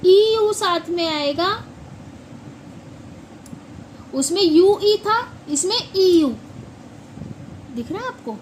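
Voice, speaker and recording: A woman teaches with a very high voice, speaking slowly and saying each word several times before asking it back. Faint noise hums underneath. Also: animated, poor audio. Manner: slow, repeats words and asks questions back. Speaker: English pronunciation teacher. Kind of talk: classroom-style lesson.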